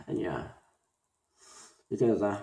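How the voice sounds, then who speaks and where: A young man from Korea, talking unscripted to camera as a student vlogger, halting and full of fillers and restarts. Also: on the low side, sing-song, vocal fry, warm tone. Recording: roomy echo.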